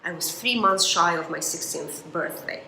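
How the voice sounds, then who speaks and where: A woman from Romania, giving a motivational talk in an emphatic, expressive storytelling manner. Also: on the low side, normal speed, gravelly, roomy sound, slight background noise, rough recording. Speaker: motivational speaker.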